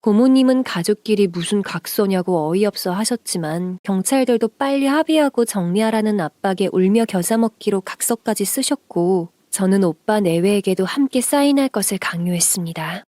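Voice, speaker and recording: Warm-voiced woman narrating a story. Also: mid-range voice, no echo. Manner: steady, expressive storytelling. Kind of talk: scripted narration of a reader's story.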